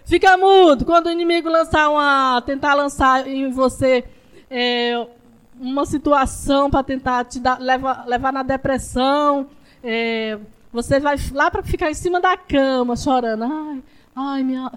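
A woman preaching a fervent sermon, rising to shouted declarations of faith. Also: high voice, fairly even intonation, measured pace.

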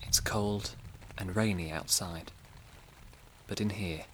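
A man guiding a relaxation exercise and narrating a sleep story in a slow, soft, soothing way. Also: deep voice, steady tone, a little hiss or hum, low-quality recording.

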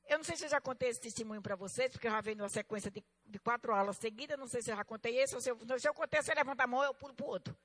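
A woman leads a fervent Bible school lesson and tells her story with conviction. Her voice sits high and rings bright and sharp. She moves from loud exclamations to quiet asides. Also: very fast, few pauses. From Northeastern Brazil.

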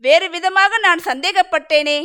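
Storybook role: loyal young wife, lamenting, bright and sharp in tone, voiced by a woman narrator. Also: extremely high pitch, unhurried, exaggerated voice. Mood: earnest. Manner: plaintive, lamenting. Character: devoted young village wife.

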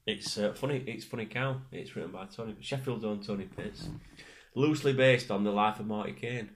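A man's voice: lowish voice, a little fast. A man chatting over wine on a podcast, dry and bantering, trailing off and restarting, with a bit of a cold. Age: 40s. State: has a cold. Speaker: podcast co-host. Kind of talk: casual chat over wine. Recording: noisy home recording.

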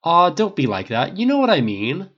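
A man voicing a pushy, smooth-talking male agent who keeps pressing, in an insistent, wheedling manner, on a dull lo-fi recording. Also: on the high side, huge pitch swings, moderate pace, a bit bright, pitched above the performer's own voice, heavily acted.

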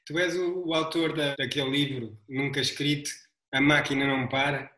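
A man's voice: medium pitch, steady tone, moderate pace, bright, forceful tone, roomy sound. A man with a European Portuguese accent hosting an interview, asking questions in a teasing, joking way. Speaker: podcast host. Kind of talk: casual interview chat.

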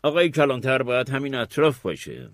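A man playing a calm, principled middle-aged lawyer and father, speaking in a friendly, measured way in an audiobook drama. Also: mid-range voice, no room sound, studio quality, natural voice.

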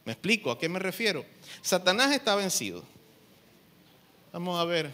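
A man delivers a Sunday sermon as pastor. His voice sits high and sounds bright and forceful. He preaches conversationally, pausing to ask whether his listeners understand. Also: big pitch swings. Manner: conversational preaching, often checks the congregation understands.

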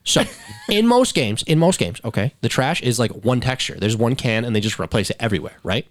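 A man's voice: medium pitch, animated, fairly quick. An American man bantering and telling stories casually as a podcast host, insistent and swearing a lot.

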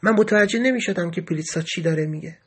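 Husky high-voiced man narrating his memoir. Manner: earnest, grave storytelling. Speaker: podcast narrator. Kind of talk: first-person memoir narration.

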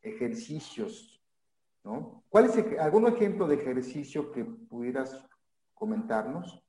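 A man's voice: medium pitch, big pitch swings, a little slow, mellow, reverberant, rough recording. A man host asking an interview question, tentative in manner.

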